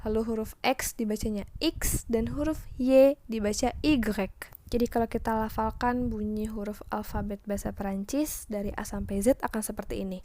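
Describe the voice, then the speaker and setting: A young woman teaching a French class in a friendly, chatty way, slowly spelling out letters and sounds. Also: fairly high pitch, fairly even intonation, warm tone. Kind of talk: online class lesson.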